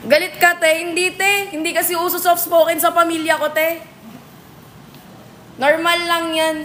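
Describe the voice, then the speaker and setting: Very high-voiced woman bantering on a live stream. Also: flat delivery, a bit bright, slight background noise. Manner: playful, teasing banter with quick comebacks. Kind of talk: casual live-stream chat, answering viewer comments. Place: billiards venue.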